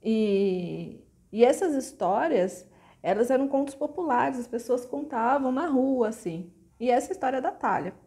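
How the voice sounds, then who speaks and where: A woman's voice: on the high side, animated, a little slow, warm tone. A woman with a Brazilian Portuguese accent retelling an old folk tale in a casual, chatty way, with frequent asides. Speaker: storyteller.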